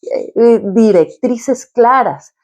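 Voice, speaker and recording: A woman's voice: fairly high pitch, lively intonation, drawn-out words, darkish tone. A woman therapist speaking straight to her viewers in an advice video, explaining step by step in an encouraging way. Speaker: quantum therapist.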